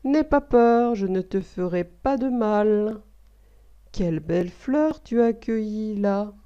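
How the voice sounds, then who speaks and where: A woman voicing a falsely kind male wolf from a storybook, in a raised, louder voice. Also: medium pitch, lively intonation, slow, clear, resonant tone. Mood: sweet-talking. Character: friendly, sly male wolf. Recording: dull lo-fi recording.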